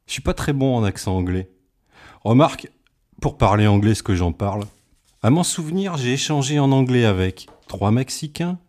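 A man's voice: medium pitch, darkish tone. A man trading comic banter and reading poetic verse in a playful, self-mocking way. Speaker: comic performer.

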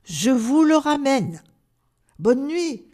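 A woman voicing a busy grown male squirrel in a storybook, talking briskly and scolding. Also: high-pitched, big pitch swings, dark tone, voice pushed up, exaggerated voice.

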